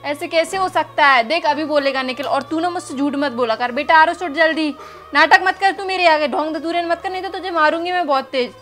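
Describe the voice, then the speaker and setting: Home skit: careless young mother who scolds her kids, played by a woman; high-pitched, shrill when yelling. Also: brisk, few pauses, soft background music. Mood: scolding. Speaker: actress in a family skit. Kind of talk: home-made family drama acting.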